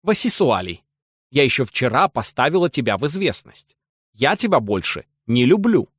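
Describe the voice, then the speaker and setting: A man voicing a cool, dismissive young wife walking out on her husband, answering curtly and calmly. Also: medium pitch, moderate pace, breathy edge, no echo, clean studio sound. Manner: curt and calm, at times irritated.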